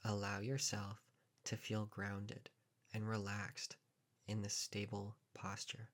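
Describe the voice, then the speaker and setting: A man narrates a guided meditation in a fairly low voice. His delivery is calm and deliberate, with short phrases separated by long pauses.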